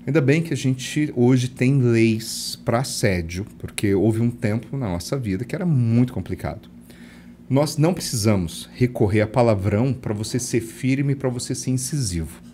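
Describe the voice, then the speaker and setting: A man from Brazil, a leadership coach, explaining things quickly and acting out little dialogues as a guest. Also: medium pitch, slight background noise. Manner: quick, lively explainer who acts out dialogue. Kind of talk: casual interview chat.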